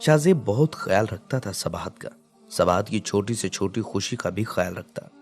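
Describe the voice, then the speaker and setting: A man calmly narrating a scripted domestic story. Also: lowish voice, normal speed, soft background music.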